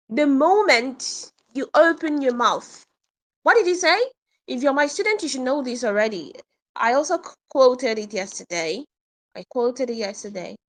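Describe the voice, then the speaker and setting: Animated high-voiced woman coach. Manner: animated, repeats points for emphasis. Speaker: English communication coach. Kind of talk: online workshop lesson.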